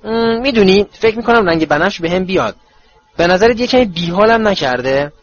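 A man's voice: on the high side, very animated, slightly rough, highs cut off, faint music behind. A man voicing a cheerful, clumsy young witch who is bubbly and boastful. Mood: chatty.

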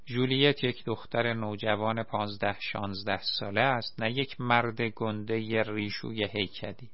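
A man's voice: fairly low pitch, level tone, no echo, muffled recording, lightly acted. A man doing a bossy, frowning young director. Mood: gruff. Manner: commanding, gruff.

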